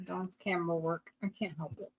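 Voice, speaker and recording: A woman's voice: on the low side, level tone, a little fast, highs cut off. A woman co-hosting a live stream, chatting casually, giggly and self-mocking. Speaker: podcast co-host.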